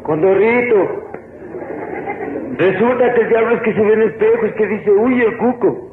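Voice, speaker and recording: A man with an Ecuadorian accent calling into a radio show to tell jokes, lively and acting out the characters. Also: high voice, moderate pace, a little hiss or hum. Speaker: radio caller. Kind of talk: telling jokes on air. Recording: old tinny radio broadcast, echoey.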